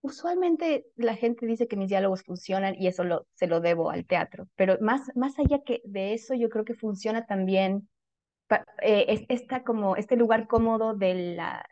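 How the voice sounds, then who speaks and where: Woman writer with a mellow voice. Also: mid-range voice, moderate pace, highs cut off. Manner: thoughtful, animated, frequent fillers and self-corrections. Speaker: writer, interview guest. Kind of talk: casual conversational interview.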